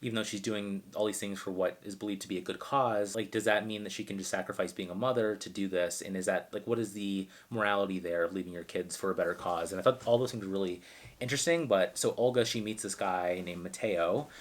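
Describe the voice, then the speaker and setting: Deep-voiced, chatty man reviewing books. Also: quick pace. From Arizona, United States. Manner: chatty, full of "like" and asides. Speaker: book reviewer. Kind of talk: casual book review.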